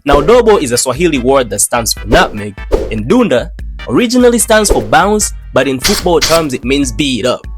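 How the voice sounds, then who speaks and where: A young Tanzanian man narrates an animated video for YouTube in a medium-pitched voice with big pitch swings, at a moderate pace. His scripted storytelling is casual, slangy and joking, with music playing under his voice.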